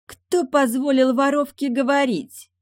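A woman's voice: fairly low pitch, big pitch swings, moderate pace, no echo, clean studio sound. A woman voicing a spoiled, haughty young noblewoman who whines and pouts, in a read-aloud novel. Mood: capricious. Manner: capricious, whining.

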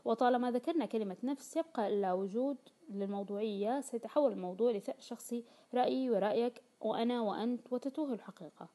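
A woman reads a self-help audiobook in an explanatory way. She moves quickly and her voice sits a little high. The tone is warm and mellow. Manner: explanatory, with quoted dialogue in colloquial speech. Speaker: audiobook reader.

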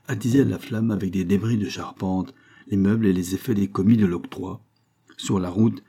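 Dark, husky-voiced male narrator. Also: on the low side. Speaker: audiobook narrator. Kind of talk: scripted narration of a classic novel.

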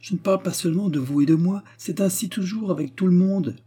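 A man's voice: sits high, fast, dark tone, slightly rough, pitched above the performer's own voice. A man voicing a spirited young independent woman in an audiobook, impulsive and earnest. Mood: wistful. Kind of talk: audiobook character reading.

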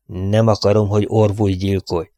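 A man voicing an earnest, sorrowful young man who speaks quietly and resolutely, in an audiobook. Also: on the low side, little pitch movement, no echo, clean studio sound, lightly acted.

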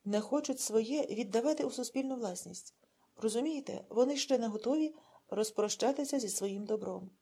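A woman's voice: a little high, normal speed, warm tone, slightly rough. A woman voicing a restless, eager male village communist and war veteran who answers in a hurry. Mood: earnest.

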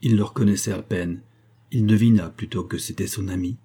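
A man narrating a classic novel as an audiobook in a measured, even reading. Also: on the low side, slightly rough. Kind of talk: scripted narration.

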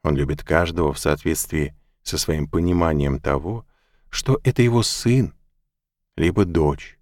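A calm, gentle wise woman, soft-spoken and patiently insistent, as a deep-voiced man puts her on. The audiobook voice is low and steady, recorded close and dry. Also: a little slow, no room sound. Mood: probing. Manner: quiet, patient, softly insistent. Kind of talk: audiobook narration.

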